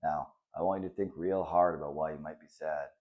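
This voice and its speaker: A man reading the part of a kind, patient father who talks softly and reassuringly to his son in a children's story. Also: a bass voice, steady tone, brisk, lo-fi sound. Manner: soft and reassuring.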